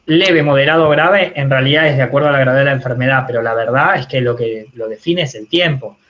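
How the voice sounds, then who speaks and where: A man's voice: mid-range voice, fast. A man with a Rioplatense accent teaching a university class online in a conversational way, often checking in with his students. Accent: Rioplatense Spanish. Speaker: university lecturer. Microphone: video call. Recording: muffled video call audio.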